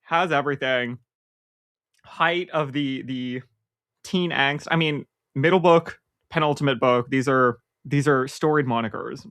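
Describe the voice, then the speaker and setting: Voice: mid-range voice, a little slow, a bit bright, dry recording, studio quality. Wry, wordy podcast co-host. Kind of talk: casual podcast chat.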